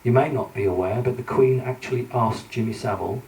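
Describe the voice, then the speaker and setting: A man's voice: medium pitch, a little fast, gravelly, darkish tone. A man giving a conference lecture from slides, earnest and hesitant with many fillers. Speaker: conference speaker. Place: conference hall. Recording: echoey hall, mic at a distance.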